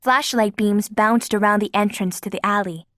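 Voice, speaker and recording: Woman, audiobook narrator, lively, scripted narration, close mic, dry sound. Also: mid-range voice, normal speed, no echo. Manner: lively, voices each character.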